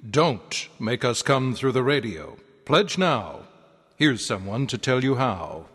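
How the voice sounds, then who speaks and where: A man voicing an ominous voice from inside the radio in a produced promo skit, slowed and lowered into a disguised deep spooky tone with reverb. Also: lively intonation, a bit bright, husky, full character voice. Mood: menacing. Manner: slow, drawn-out, looming delivery. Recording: long hall-like reverb.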